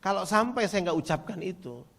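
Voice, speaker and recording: A male pastor preaching a sermon, talking straight to the congregation and calling for their replies, swinging from near-shouts down to quiet, low passages. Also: animated, brisk, gravelly. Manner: emphatic preaching, rising to near-shouts, then dropping quiet; addresses congregation directly, asks for replies.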